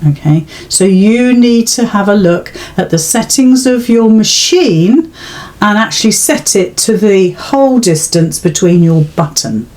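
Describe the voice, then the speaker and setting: A British woman hosts a sewing tutorial, walking through a craft project step by step in a chatty, reassuring, informal way. Her medium-pitched voice is expressive and darkish in tone, and she keeps a measured pace.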